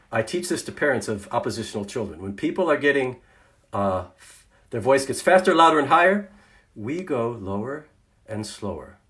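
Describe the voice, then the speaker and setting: Speaking informally about leadership from a faith perspective, a middle-aged male consultant alternates quick stretches with slow, deliberate ones for emphasis. His pitch is fairly low.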